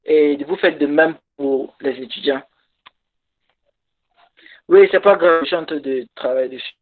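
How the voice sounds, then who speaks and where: This conference speaker, a native English-speaking man, presents at a workshop via video call in hesitant French, pausing while he searches for the right words. His pitch is fairly high, and the audio sounds thin and phone-like.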